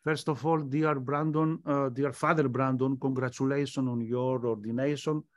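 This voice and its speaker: A man speaking as a panelist in an academic discussion, measured and hesitant. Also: medium pitch, steady tone, dry recording, studio quality. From Greece.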